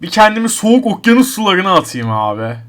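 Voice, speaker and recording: A man's voice: sits high, big pitch swings, fast talker, fairly bright tone. A man giving gameplay commentary at his computer, counting numbers under his breath and grumbling in frustration at an item. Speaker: online game streamer.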